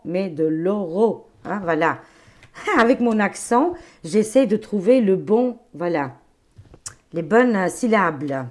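A woman's voice: mid-range voice, a little mellow. A woman doing a casual spoken tarot reading for her viewers, chatty and exclamatory, calling them her friends. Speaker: tarot card reader.

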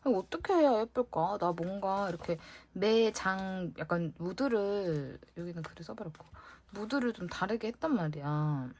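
A woman's voice: mid-range voice, animated, moderate pace, a little mellow, slight background noise. A young woman chatting casually while decorating a diary, musing aloud and sometimes whispering to herself. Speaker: vlogger.

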